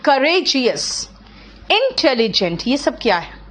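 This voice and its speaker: Woman, classroom teacher, unhurried, stretches words into syllables, animated. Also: high voice. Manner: explains slowly, drawing out words syllable by syllable; asks students questions, checks understanding. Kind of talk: classroom grammar lesson.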